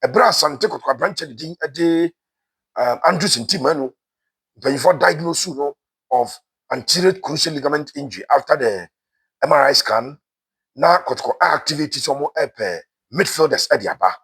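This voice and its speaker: A man's voice: on the high side, animated, normal speed, a bit bright, slightly rough. A man with a Ghanaian accent giving casual football transfer news, switching between Twi and English with frequent "eh" fillers. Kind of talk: casual sports news commentary.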